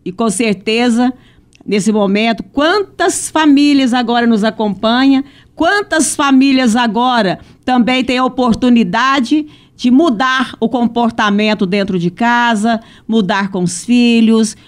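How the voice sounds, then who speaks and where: A woman's voice: a little high, unhurried. A woman with a Brazilian accent hosting and moderating a church podcast conversation, affirming her guests and often asking "né?". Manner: affirming, warmly interjecting "né?".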